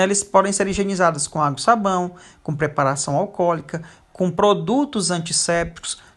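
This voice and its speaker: A teacher giving a recorded lecture over slides, pausing often with fillers. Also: mid-range voice. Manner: frequent hesitation fillers.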